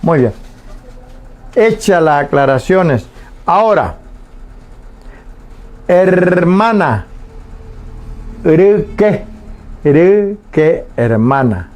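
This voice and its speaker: A man teaching a language lesson on the radio, saying each word slowly and repeating it patiently so listeners can copy. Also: a little high, very animated, a little mellow. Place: radio studio.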